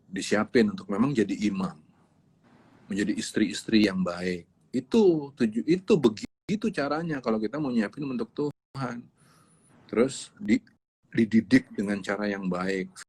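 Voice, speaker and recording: A man's voice: medium pitch, darkish tone, slightly rough. A man preaching in a livestreamed sermon, speaking emphatically and repeating his key words. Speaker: pastor.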